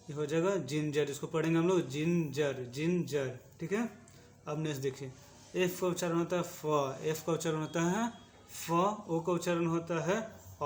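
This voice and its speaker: A man with a fairly high voice takes a class through English pronunciation. He goes letter by letter, slowly, and says each point twice. A faint hiss runs under the recording. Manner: slow and repetitive, saying each point twice. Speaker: English teacher. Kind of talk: spoken lesson on pronunciation.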